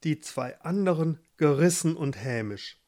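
A man voicing an old, ailing king who speaks slowly and solemnly in rhymes. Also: a little high, animated, warm tone. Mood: mournful. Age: older. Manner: slow, solemn, rhyming.

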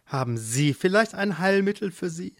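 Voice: mid-range voice, lively intonation, moderate pace, voice pushed up, natural voice. A storyteller voicing a worried, timid working man who speaks in an anxious, pleading way, for a children's storybook. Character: worried, timid male worker.

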